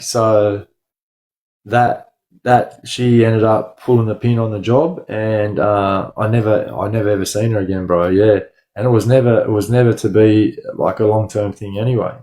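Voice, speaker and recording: A man's voice: on the low side, darkish tone. An Australian man chatting casually on a livestream in blunt street slang, rambling and repeating his phrases. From Sydney, Australia. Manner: slangy, blunt, often addressing listeners as bro or lad. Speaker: livestream host.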